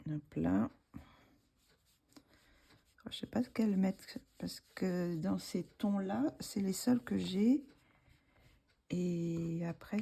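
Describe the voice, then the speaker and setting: French-accented woman, gravelly and dark, unhurried craft tutorial host. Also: lowish voice, slight background noise. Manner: relaxed, hesitant, thinking aloud while working. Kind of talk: casual craft tutorial narration.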